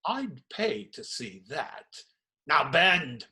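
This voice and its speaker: In a radio play, a man voices a burly, pious friar with a high, bright, fully characterized voice full of theatrical indignation and big pitch swings. Slow and deliberate, he delivers mocking little sermons in a threatening, sardonic mood.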